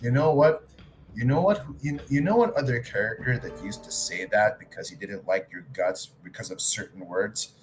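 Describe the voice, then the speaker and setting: A man co-hosting a casual chat stream, ranting and swearing freely in an animated way. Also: lowish voice, moderate pace, soft background music.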